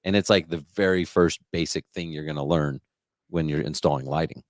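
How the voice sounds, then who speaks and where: A middle-aged man talks business in a casual, enthusiastic way, explaining his points with confidence. His voice sits very low, and the recording is dry and close with no room sound. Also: fairly even intonation, a little fast, no echo. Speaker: lighting business coach. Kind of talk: casual interview chat.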